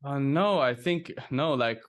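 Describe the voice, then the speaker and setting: A man's voice: mid-range voice, unhurried. A man hosting a casual interview with his former student, speaking loosely with many fillers. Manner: loose, lots of fillers like "like" and "you know". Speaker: host, business coach.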